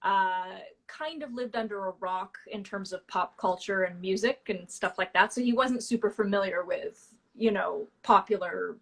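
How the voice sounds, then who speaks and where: A woman from Toronto, a guest in a relaxed interview, with a mid-range voice. She tells a long story in a loose, rambling way, full of fillers, restarts and quick laughs. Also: medium pitch, creaky, breathy edge. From Toronto, Canada.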